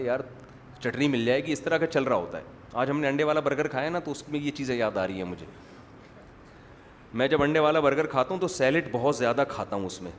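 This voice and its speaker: A man preaching in a humorous religious lecture, wandering off the topic and acting out quotes. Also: medium pitch. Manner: digressive, joking, acts out quotes. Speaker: Islamic preacher. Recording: reverberant hall, faint background noise.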